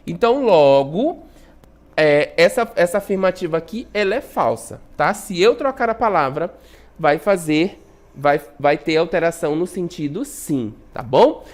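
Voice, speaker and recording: A woman teacher with a Brazilian accent giving a recorded lesson, explaining patiently and constantly checking in with her students, sometimes stretching words out slowly. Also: fairly low pitch, lively intonation. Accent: Brazilian Portuguese. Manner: stretches out syllables slowly to demonstrate stress.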